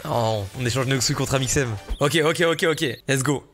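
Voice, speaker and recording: A man giving casual, joking let's-play commentary as a gaming YouTuber, excitable and slangy, talking straight to his viewers. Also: mid-range voice, moderate pace, music in the background.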